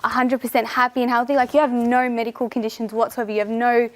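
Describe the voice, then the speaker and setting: A woman's voice: on the high side, flat delivery, fast talker. A woman answering as a guest in a televised debate, emphatic and challenging back. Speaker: panel audience guest.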